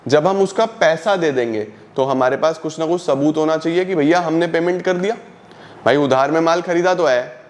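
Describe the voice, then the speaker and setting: Young guy doing an online accounts class, mid-pitched voice, asks his own questions then answers them. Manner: reads English definitions slowly, explains in Hindi. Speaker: accountancy teacher. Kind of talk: online lesson.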